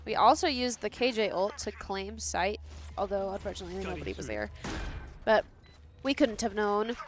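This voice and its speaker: A young woman doing casual live esports commentary, excitable and teasing, often breaking into giggles. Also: mid-range voice, normal speed. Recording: faint background noise.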